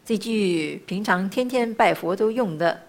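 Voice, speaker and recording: In a mid-range voice, a woman teaches how to pronounce Buddhist chants. She patiently chants each syllable slowly, with short explanations in between.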